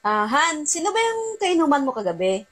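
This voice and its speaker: A woman's voice: high voice, very animated, normal speed, music in the background. A Filipino woman vlogger playing a teasing wife in a comedy skit, playful and bantering. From Philippines. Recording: loud noise behind.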